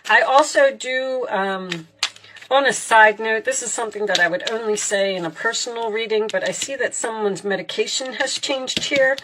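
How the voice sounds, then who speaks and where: A woman giving a casual tarot reading, speaking directly and reassuringly to the listener, sometimes halting and repeating words as she thinks. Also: fairly high pitch, background noise. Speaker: tarot card reader.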